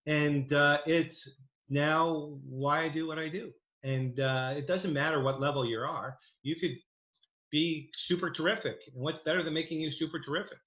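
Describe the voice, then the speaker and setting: A man's voice: on the high side, steady tone, normal speed. A man in his fifties from New Jersey, a dental program director, telling his story earnestly over a video call with many fillers. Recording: echoey, dull video-call audio.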